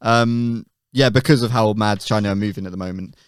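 A man's voice: fairly low pitch, brisk, clean tone, no echo. Man, casual chat, lots of ums, dry close sound. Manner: relaxed, hesitant with many fillers, lively when mimicking.

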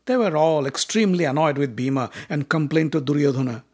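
A man narrating an old epic as a storybook tale with expressive delivery. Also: a little high, a little fast.

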